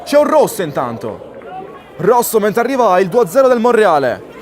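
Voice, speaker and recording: A man giving excited, urgent live football goal commentary, raising his voice to a shout. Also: high voice, moderate pace. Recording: outdoor stadium crowd noise. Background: crowd at an outdoor ground.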